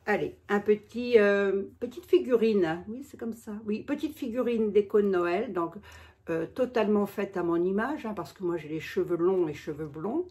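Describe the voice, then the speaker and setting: A woman with a mellow, mid-range voice and normal pace addresses her subscribers in an unboxing video. She lisps with a slushy sh for s and slightly impeded articulation, and her chat is relaxed, self-mocking, and full of repeated phrases.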